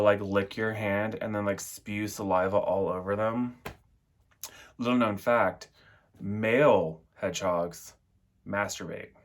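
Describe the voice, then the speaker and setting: A young man chatting casually and rambling, with a lot of filler words. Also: lowish voice. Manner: rambling, filler-heavy, with frequent "like" and "um". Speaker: vlogger reviewing an oracle deck. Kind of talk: casual chat.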